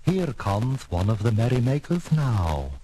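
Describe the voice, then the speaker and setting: A man's voice: mid-range voice, big pitch swings, a little slow. A man playing a ghoulish, cheerfully creepy monster-maker host in a mock-genteel, theatrical manner on a 1960s comedy record. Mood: genial, ghoulish. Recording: noisy old 1960s record.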